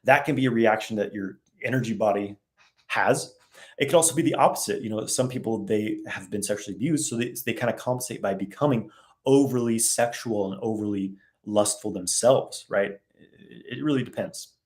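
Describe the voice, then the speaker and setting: A man hosting a casual live Q&A, reading viewer questions aloud and answering in a relaxed, rambling way. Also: on the low side, normal speed. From West.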